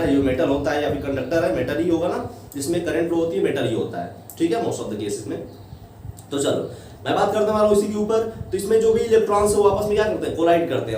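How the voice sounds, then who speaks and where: A man's voice: a little high, warm tone, slight background noise. Echoey far-off male physics teacher. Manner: explains step by step, keeps asking "है ना?". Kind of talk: classroom lecture. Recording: echoey room, voice from far off, faint ambience.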